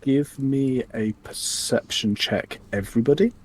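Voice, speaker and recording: A man narrating a tabletop game as game master, describing each scene in a halting way. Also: mid-range voice, a little mellow, breathy edge, poor audio.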